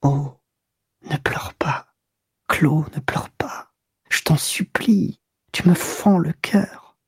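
A woman reads as a young man pleading with his lover in a storybook, his voice slipping into husky whispers. The delivery is slow and mellow, close and dry. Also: very deep voice, steady tone, dry recording, exaggerated voice. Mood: hushed pleading.

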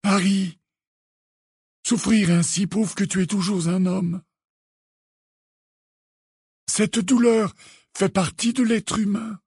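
A man voicing a very calm, gentle old headmaster wizard who speaks slowly in an audiobook. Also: extremely high pitch, slightly rough, no room sound, clean studio sound, voice pushed up, exaggerated voice. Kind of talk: audiobook character voice.

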